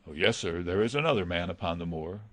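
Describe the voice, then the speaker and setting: In a radio mystery drama, a man plays an anxious butler who is deferential and earnest, hesitant and uneasy as he dreads some villainy. His low voice is expressive, quick and a bit bright, recorded dry.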